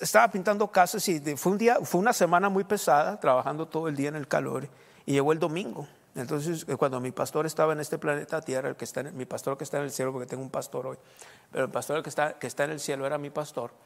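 A man with a Sonoran Mexican accent, a pastor preaching a sermon with lively asides and jokes to his congregation. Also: fairly high pitch, in a large hall. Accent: Sonoran Mexican Spanish. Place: church.

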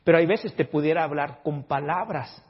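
Husky preacher, lively sermon. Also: male voice, on the high side, normal speed, highs cut off. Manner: lively, acts out quoted dialogue; mixes in English words.

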